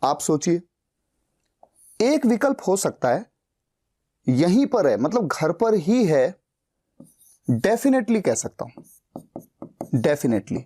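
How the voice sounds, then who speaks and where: A man teaching spoken English, reading example sentences slowly and explaining them step by step. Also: high-pitched, big pitch swings, mellow. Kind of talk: bilingual language lesson.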